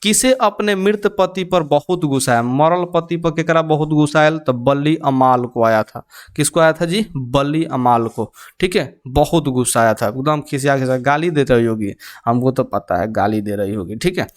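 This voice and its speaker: A young male teacher runs a chatty exam-prep lesson. He fires questions back at his students to repeat the answer and slips in playful dialect asides. His voice sits a little high and comes across smooth and clear. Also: moderate pace. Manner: call-and-response questioning with "kya ho jayega ji?".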